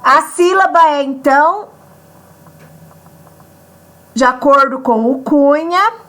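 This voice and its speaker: A woman's voice: high-pitched, slow, background noise. A woman teaching an online grammar lesson, patient and explanatory, often checking in with her listeners.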